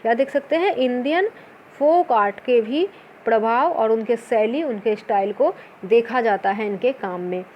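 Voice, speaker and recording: High-voiced woman teaching an exam lesson. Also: a little slow, muffled recording, slight background noise. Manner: explains by asking and answering her own questions; mixes English words into her talk. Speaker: teacher of an exam-prep channel.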